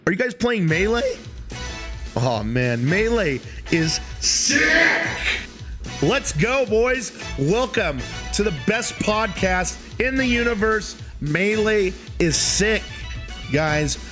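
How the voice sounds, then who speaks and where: A man hosting a podcast, talking like a hyped-up frat bro with loud, drawn-out, slangy shouts. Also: high-pitched, lively intonation, music in the background. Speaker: podcast host.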